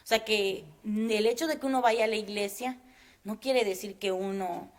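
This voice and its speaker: Woman guest, mid-range voice, earnest and halting, sharing a personal faith testimony. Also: medium pitch, steady tone. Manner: earnest, halting, with many fillers.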